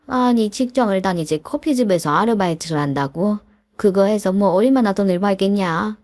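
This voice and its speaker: A woman voicing a nagging, sharp-tongued older mother-in-law who grumbles and scolds, in a raised voice for a spoken story. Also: medium pitch, moderate pace, dry recording, studio quality, natural voice. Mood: needling.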